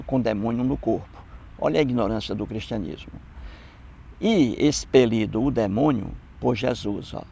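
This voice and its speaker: A man's voice: mid-range voice, vocal fry, a little mellow, husky. A Brazilian man giving scornful, mocking commentary on Bible passages, repeating phrases for emphasis. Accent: Brazilian Portuguese. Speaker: atheist commentator.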